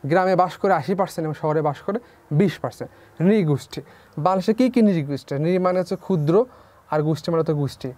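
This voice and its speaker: Young male tutor with a somewhat high voice for a drill-style online lesson. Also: quick pace, warm tone. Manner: repeats key figures as questions to students. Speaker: teacher. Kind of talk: online class lecture.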